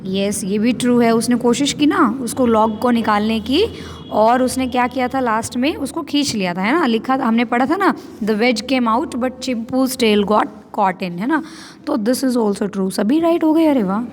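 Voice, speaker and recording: A woman's voice: on the high side, a little slow, long reverb tail, a little hiss or hum. A woman with an Indian English accent teaching an online class, patiently asking questions and answering them herself.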